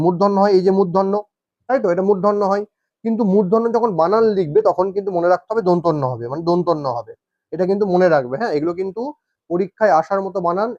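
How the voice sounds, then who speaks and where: A man's voice: sits high, darkish tone, no room sound. A man teaching Bengali spelling for competitive exams, repeating each point and checking in with his students. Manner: repeats points, asks "ঠিক আছে?" often. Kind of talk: exam-prep grammar lesson. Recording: dull, lo-fi sound.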